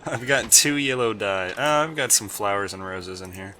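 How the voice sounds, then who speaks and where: Lowish guy gaming w a buddy, short chill answers, bright edge, faint music behind. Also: animated, moderate pace, slight background noise. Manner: brief, laid-back replies. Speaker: co-player. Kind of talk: casual gameplay chat.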